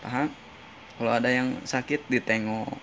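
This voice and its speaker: A man's voice: medium pitch, fairly even intonation, moderate pace, fairly bright tone, slight background noise. A man giving a casual Islamic sermon, reciting Arabic sayings and translating them, often asking his listeners if he's right. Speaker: preacher. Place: in Jeddah.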